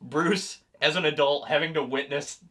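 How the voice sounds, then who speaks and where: A man co-hosting a casual comic-book review chat, animated and acting out characters in quick voices. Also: a little high, distant mic. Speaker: podcast co-host.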